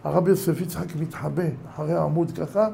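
A man's voice: a little high, fairly even intonation, gravelly, mellow. A man preaching, telling a dramatic story to his listeners and addressing them formally. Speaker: religious preacher. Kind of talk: sermon storytelling.

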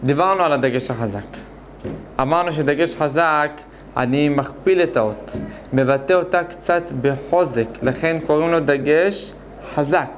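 A man gives a grammar lesson in a voice pitched a little high. He explains slowly, repeats each rule, and puts questions to his class. A faint hiss of noise sits under the recording. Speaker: Hebrew grammar teacher.

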